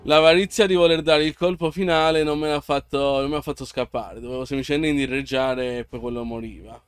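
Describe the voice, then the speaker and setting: A man hosting a let's play, commenting excitably and yelling and pleading at the boss. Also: mid-range voice, fairly quick, clean tone. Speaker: gameplay channel host.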